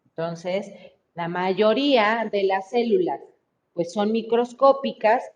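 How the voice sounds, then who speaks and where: Woman, Mexican Spanish accent, slow patient biology teacher, muffled call audio. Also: a little mellow. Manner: slow, explaining step by step, frequent checking "¿sí?". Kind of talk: online class lecture. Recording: muffled lo-fi mic with faint rumble.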